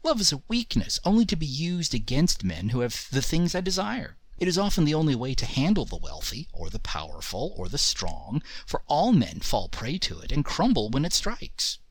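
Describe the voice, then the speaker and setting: A man's voice: on the high side, huge pitch swings, normal speed, few pauses, breathy edge, dry recording, voice pushed up, heavily acted. A man voicing a greedy, scheming young woman with a scornful, calculating manner.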